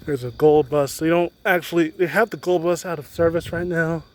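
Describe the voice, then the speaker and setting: Speaking briskly in a slightly high, steady voice with a darkish tone, a young student vlogger chats casually and rambles during an impromptu walk on a campus street. He films on a handheld phone, and faint street noise is in the background.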